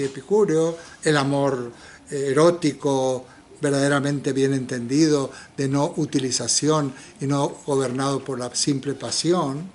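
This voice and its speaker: A man's voice: a little high, slight background noise. Older man lecturing, rhetorical and chatty. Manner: conversational, asks rhetorical questions, frequent tag "¿eh?". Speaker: philosophy seminar lecturer. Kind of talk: informal seminar lecture. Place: lecture room in a community center.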